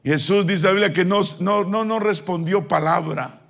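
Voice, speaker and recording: A male preacher delivering a sermon, leading call-and-response with the congregation and acting out scripture with shouted peaks. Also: sits high, normal speed, vocal fry.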